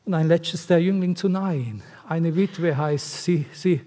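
Preaching to mothers in a church hall, a man makes an earnest, pleading appeal, his delivery swelling and then dropping. His fairly high voice is slow and dark in tone, and the recording carries long hall reverb.

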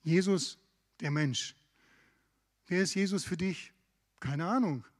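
A man preaches a sermon, retelling a scripture story in his own casual words. His voice sits a little high, and he is heard in a hall with a long, lingering echo. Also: slow pace. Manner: conversational, lively retelling of scripture with asides.

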